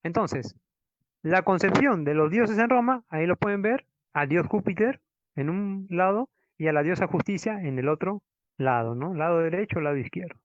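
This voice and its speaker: A man giving a law lecture with slides, in a teaching manner full of tag questions and slow stress on Latin words. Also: high voice, expressive, dry recording. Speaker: law professor. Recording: dull, dry lo-fi lecture recording.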